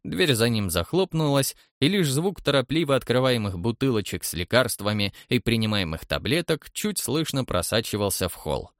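A man narrating an audiobook in a medium-pitched voice with a lively, animated melody. The recording is close and dry, without room sound. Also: normal speed, few pauses, no room sound. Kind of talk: expressive audiobook reading.

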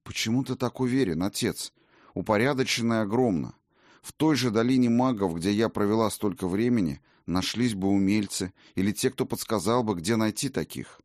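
A man's voice: fairly low pitch, normal speed, a little mellow, dry recording, studio quality, lightly acted. A man voicing a young female warrior, once a valkyrie, who speaks in an earnest, questioning way.

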